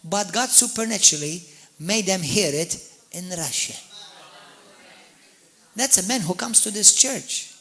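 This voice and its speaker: With a high-sitting voice, a slightly slow delivery and long pauses, a pastor from Malta preaches to his congregation. He tells stories energetically, often repeating or restarting words as he speaks to them directly.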